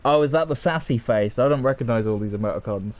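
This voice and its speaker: A man's voice: mid-range voice, fast, darkish tone. A man streaming a game and chatting with his viewers in a casual, self-mocking way, often laughing. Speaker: gaming streamer.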